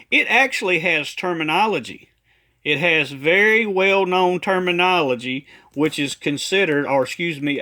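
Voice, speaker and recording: A man delivers a slow, deliberate critical commentary for a ministry, hammering home each point and repeating it. His voice sits a little high and sounds bright and forceful.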